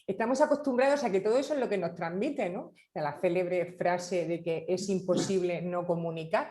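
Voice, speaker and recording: A woman's voice: on the low side, moderate pace, dark tone, reverberant. A woman in a conversational talk, speaking thoughtfully with frequent restarts as she works through her ideas. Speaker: panel guest.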